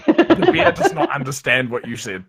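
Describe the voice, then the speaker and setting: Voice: medium pitch, huge pitch swings, moderate pace, slight background noise. A game master narrating a tabletop game over an online voice call, loose and laughing, full of fillers.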